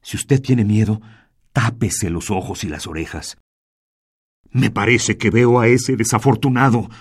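A man with a Mexican Spanish accent voicing a hardened, mocking male sailor in a radio drama reading, scornful and slow. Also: lowish voice, slightly rough.

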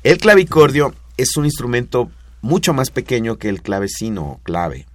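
A man's voice: medium pitch, animated, normal speed, dry recording. A man with a Mexican Spanish accent, explaining music history in a didactic, patient way on a radio talk show. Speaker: music expert guest.

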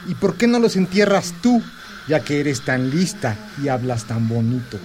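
A man's voice: mid-range voice, moderate pace, darkish tone, lightly acted. A man playing a surly, hungry internee in an audio drama, defiant and sarcastic. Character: surly, hungry male internee refusing orders.

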